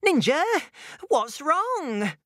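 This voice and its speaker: A woman's voice: high voice, very animated, takes it slowly, pitched above the performer's own voice, full character voice. A woman voicing a cheerful, encouraging female robot unicorn in a children's storybook. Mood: cheery. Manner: bright and encouraging.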